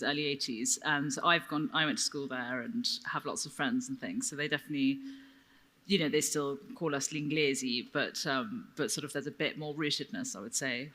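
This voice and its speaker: A woman's voice: deep voice, sharp tone. A woman in her thirties chatting on a panel as a food writer, recorded with long hall reverb. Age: 30s. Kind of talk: casual panel conversation.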